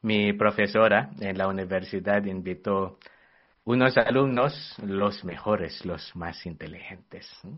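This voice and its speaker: A young man from the Philippines, speaking with a Filipino accent, gives a personal testimony as a missionary guest in an interview. His low voice is earnest and halting as he searches for words, and the recording has a dull lo-fi sound.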